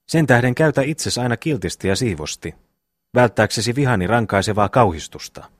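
A man voicing a loud, hot-tempered eldest brother who gives orders and blusters in an audiobook reading. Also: medium pitch, expressive, dry recording, clean studio sound, close to an everyday voice. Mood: blustering. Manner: blustering, commanding.

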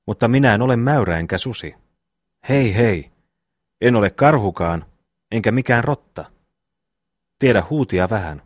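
A man's voice: fairly low pitch, expressive, long pauses, no echo, studio quality. Timo, a man reading a simple good-natured brother. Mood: protesting.

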